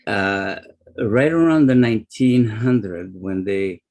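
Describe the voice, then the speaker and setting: A man's voice: lowish voice, lively intonation, takes it slowly, a little mellow. An older man from Lebanon, a guest psychologist telling his story unhurriedly, with fillers and restarts. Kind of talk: interview storytelling.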